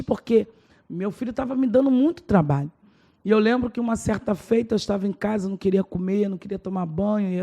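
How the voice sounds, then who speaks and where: Brazilian woman pastor as podcast guest, gravelly voice, emotional storyteller. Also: mid-range voice, warm tone. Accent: Brazilian Portuguese. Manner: emotional storytelling, acts out dialogue. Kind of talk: personal testimony in a podcast interview.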